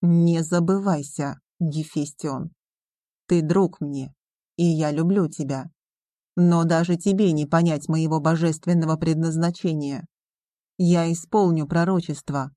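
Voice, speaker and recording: A woman reading the part of a proud, imperious young conqueror-king, slow and stern. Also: low-pitched, fairly even intonation, warm tone, dry recording, clean studio sound.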